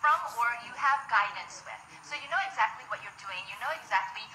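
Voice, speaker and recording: A woman's voice: fairly high pitch, animated, brisk, pushed and bright, reverberant, soft background music, poor audio. An American woman answering interview questions in an upbeat, emphatic way. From United States.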